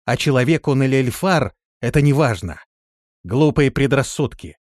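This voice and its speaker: A man's voice: medium pitch, lively intonation, normal speed, a little mellow, no echo, clean studio sound, voice pushed up, lightly acted. A man voicing a proud, commanding female elf warrior in an audiobook, speaking sharply. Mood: fierce. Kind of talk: audiobook character voice.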